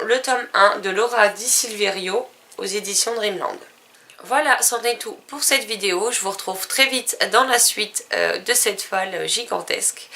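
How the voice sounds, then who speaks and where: Lady reading off her book pile, bright voice, lots of euhs and little corrections. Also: medium pitch. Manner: lists titles and publishers, self-correcting with fillers. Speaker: book vlogger. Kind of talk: casual book haul vlog.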